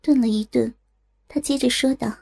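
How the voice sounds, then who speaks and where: High, creaky woman storyteller. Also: steady tone, normal speed, darkish tone. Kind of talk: first-person story narration.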